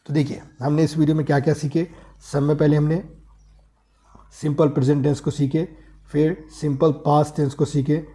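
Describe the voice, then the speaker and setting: Man teaching grammar in a mellow voice. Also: on the high side, little pitch movement, normal speed. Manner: rhetorical questions and repeated drilled examples. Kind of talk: explaining grammar step by step while writing on a tablet.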